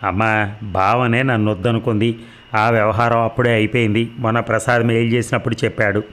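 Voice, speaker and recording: A man voicing a grown son who placates his parents in a calm, coaxing and evasive way. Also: fairly low pitch, fairly quick, lightly acted. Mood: placating. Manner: soothing, placating.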